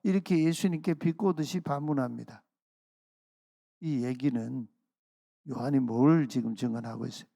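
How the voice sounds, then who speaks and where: A pastor giving a sermon at a dawn prayer service, earnest, slowing down to stress key phrases. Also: male voice, medium pitch, vocal fry, mellow, no echo, studio quality. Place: church sanctuary.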